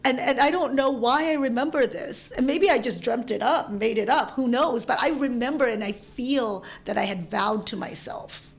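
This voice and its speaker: A woman in her forties from the Philippines, a podcast guest talking casually, halting with many restarts and frequent laughs. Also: on the high side. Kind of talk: casual interview chat.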